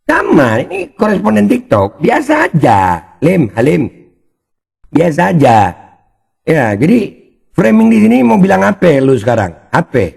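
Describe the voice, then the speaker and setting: A man's voice: high voice, wildly swooping pitch, unhurried, vocal fry, darkish tone, slightly rough. A man hosting a commentary channel, mocking and taunting someone he is reacting to. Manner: taunting, exclamatory, addresses opponent directly.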